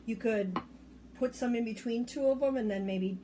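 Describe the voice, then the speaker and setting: A woman's voice: fairly high pitch, moderate pace, background noise. A woman co-hosting a casual kitchen demonstration, chatty and explaining as she goes, with frequent ums. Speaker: co-host of a demo show. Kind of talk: casual chat while demonstrating recipes.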